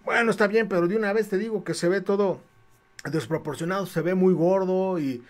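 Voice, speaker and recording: A man's voice: high voice, a little fast, voice pushed up, close to an everyday voice. A man with a Mexican accent voicing an arrogant, blustering gym owner who talks down to people. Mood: haughty. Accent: Mexican Spanish. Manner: haughty, bossy and complaining.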